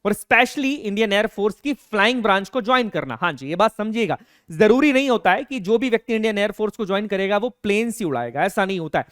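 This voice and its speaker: An earnest man lectures students in an emphatic, direct way. His voice is high and smooth. The recording is dry and close. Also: expressive, fast, a bit bright, dry recording. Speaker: teacher. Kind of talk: educational lecture.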